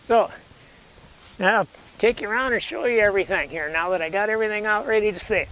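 An older man in his sixties talks through a hands-on demonstration in a loose, folksy way, often restarting and correcting himself. His voice sits a little high. He is outdoors on a lawn, picked up by a camera mic that is sometimes a few steps away. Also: quick pace, pushed and bright, slight background noise, poor audio. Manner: rambling, self-correcting, folksy. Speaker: canoe builder showing his rig. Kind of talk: casual how-to demonstration. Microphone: camera mic, sometimes far from camera.

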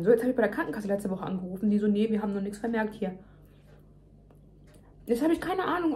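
A woman's voice: a little high, dark tone, slight background noise. A young woman venting emphatically in casual chat to her viewers, talking while chewing. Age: young adult. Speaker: vlogger. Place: home kitchen, indoors.

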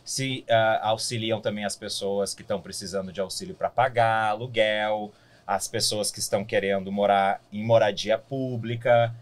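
A man in his thirties from Brazil, a city hall staffer answering interview questions in a measured, explanatory way in a podcast studio. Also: fairly low pitch, steady tone. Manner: measured, explanatory, frequent "né" tags. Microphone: boom-arm studio mic.

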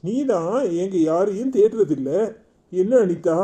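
A man's voice: high voice, a little slow, dark tone, breathy edge. A man with a Kanyakumari Tamil accent voicing a pleading, exasperated husband in a cartoon. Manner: pleading, reproachful. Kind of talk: cartoon voice acting.

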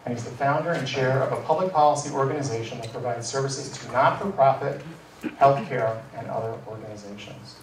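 A man reads a formal introduction at a public forum, going through a short biography. He is heard from a distance in an echoey hall, with faint noise behind him. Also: mid-range voice. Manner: formal, reading a bio. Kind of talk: reading an introduction. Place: school hall, heard from afar.

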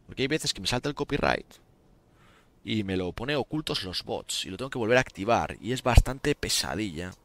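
A man's voice: lowish voice, lively intonation, fairly quick, fairly bright tone. A young man from Spain with a Spanish accent, streaming games live and chatting casually with viewers, sounding tired. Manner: chatty, addresses viewers as tío and gente. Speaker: game streamer.

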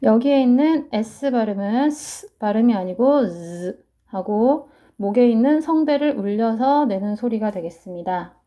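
A woman's voice: fairly high pitch, animated, a little slow, warm tone. A woman teaching English pronunciation, explaining each sound patiently and step by step. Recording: muffled lo-fi sound.

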